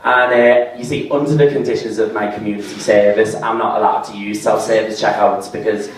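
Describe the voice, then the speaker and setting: A man doing a stand-up set, deadpan at times and rising into exasperated rants. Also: lowish voice, brisk, a little hiss or hum. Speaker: stand-up comedian. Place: comedy pub venue with audience. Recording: echoey room, voice from far off.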